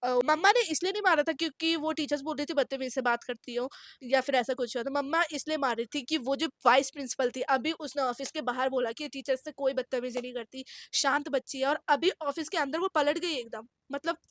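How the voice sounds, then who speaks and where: A woman's voice: high voice, fairly quick, dry recording, studio quality. A teenage girl tells a story about her school in a casual way, acting out the voices of the people in it. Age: teens. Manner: animated, acts out quoted voices.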